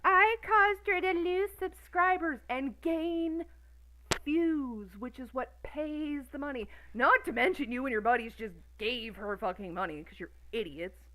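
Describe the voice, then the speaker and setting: Thirty-something woman ranting on stream, swears a lot, sarcastic, kinda high voice. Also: a little slow, bright, forceful tone, low-quality recording. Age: 30s. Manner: profane, sarcastic, exasperated. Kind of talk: casual ranting commentary.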